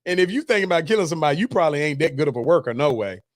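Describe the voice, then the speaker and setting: High-pitched man ranting on a livestream. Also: animated, very fast. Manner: wry, preachy, jokes and laughs between points, reads comments aloud. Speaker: host. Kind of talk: casual commentary reading news and chat comments.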